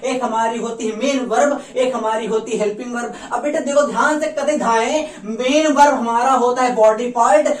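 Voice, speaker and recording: A woman's voice: a little high, darkish tone. Woman teacher lecturing in an echoey classroom. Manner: repetitive, coaxing, calls students "child". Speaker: English teacher. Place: classroom with students. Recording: echoey room, mic far off.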